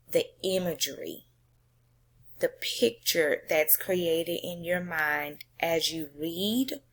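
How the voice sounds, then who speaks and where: Her voice fairly low yet fairly bright, a woman teacher reads a poem slowly with drawn-out emphasis, then explains it to her class. She keeps checking in with "okay?" and "right?" throughout the lesson.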